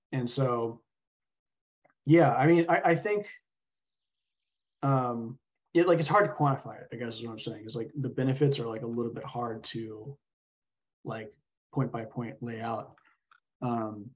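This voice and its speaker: A man speaking informally as an interview guest, halting and thinking aloud as he explains his views. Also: medium pitch, muffled recording. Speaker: podcast guest, software engineer. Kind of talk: casual interview conversation.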